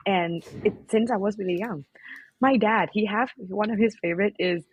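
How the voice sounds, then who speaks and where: Young Thai-accented woman, podcast co-host, slightly husky voice, easygoing chatter full of fillers. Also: medium pitch, moderate pace, dull audio. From Thailand. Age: young adult. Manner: chatty, laughs often, many "like" fillers. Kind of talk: casual chat.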